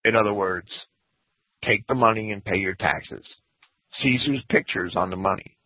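This Bible teacher's voice has a breathy edge as he lectures on scripture at normal speed, reading quotes aloud with lively pitch. The broadcast sounds tinny and phone-like, with no room sound.

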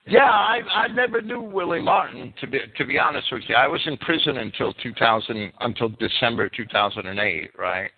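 A man's voice: mid-range voice, brisk, few pauses, slightly rough. A man hosting a call-in show, speaking off the cuff in an emphatic, repetitive way. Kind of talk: spontaneous monologue and chat with callers. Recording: narrow phone-like radio sound.

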